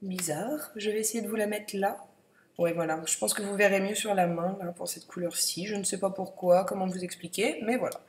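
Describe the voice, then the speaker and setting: A woman's voice: mid-range voice, fairly even intonation, brisk. A young woman chatting casually through a makeup swatch review, hesitant, with many fillers and repeated words. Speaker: beauty vlogger. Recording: echoey room.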